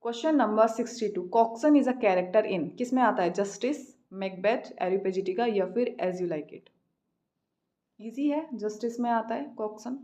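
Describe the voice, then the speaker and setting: An Indian woman tutoring an English exam, reading questions slowly and then explaining quickly. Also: mid-range voice, mellow. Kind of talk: exam practice lesson, Hindi-English mix.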